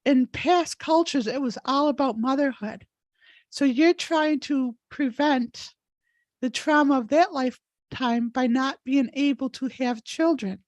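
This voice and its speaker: On a live online video call, a woman energy healer leads a healing session, shifting between guided affirmations and informal, encouraging chat. Her voice is high, unhurried and a little mellow, with no echo.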